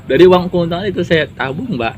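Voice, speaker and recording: A man's voice: on the high side, animated, a little fast, a little mellow, dull audio. A young man chatting casually as a guest, telling anecdotes with laughs and Islamic expressions. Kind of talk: casual interview. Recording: noisy background.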